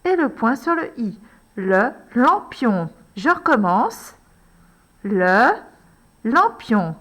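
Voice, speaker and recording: Slow, sing-song teacher spelling letters. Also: female voice, a little high, big pitch swings, fairly bright tone. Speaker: primary school teacher. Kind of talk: handwriting lesson for young children.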